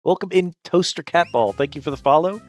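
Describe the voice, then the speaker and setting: A man with a slightly high voice talks a little fast while hosting a live game stream with music playing behind him. He keeps it casual, tossing out playful, exclamatory greetings to his viewers.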